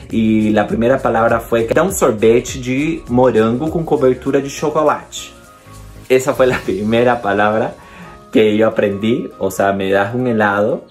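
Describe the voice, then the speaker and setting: Lowish and dark in tone, this Bolivian man's voice carries a Bolivian Spanish accent as he hosts a language-tips video. He keeps it casual and chatty toward the camera, encourages his viewers directly, and leans on "entonces" often.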